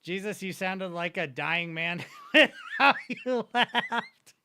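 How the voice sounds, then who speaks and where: A man's voice: high-pitched, lively intonation, takes it slowly, pushed and bright, smooth. A man chatting casually on a stream, joking and rambling with a slight wheeze. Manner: joking, self-mocking, rambling. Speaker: streamer reacting to videos.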